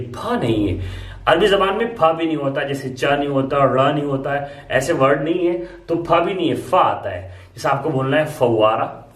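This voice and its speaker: A man's voice: a little high, recorded from a distance. A man teaching the Arabic alphabet to beginners, explaining each letter patiently and step by step, with plenty of repetition. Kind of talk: beginner alphabet lesson at a board. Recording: roomy echo, speaker away from mic.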